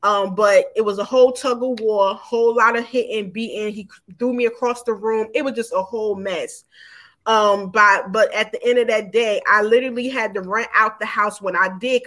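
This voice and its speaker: A woman's voice: medium pitch, a bit bright. A woman in her forties, a podcast guest, frankly telling her own story in loose, informal speech with many fillers. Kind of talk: candid personal storytelling.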